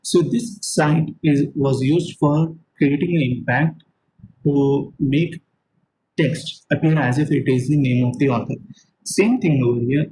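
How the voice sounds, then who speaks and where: A man's voice: on the high side, unhurried, background noise. A man teaching an online class, explaining points step by step and repeating them, with frequent fillers. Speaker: lecturer.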